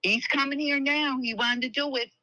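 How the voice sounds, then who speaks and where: A woman's voice: sits high, fairly even intonation, moderate pace, pushed and bright, no echo. A middle-aged woman, the host's mother, talking hurriedly and flustered over the phone on speakerphone. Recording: distant phone line.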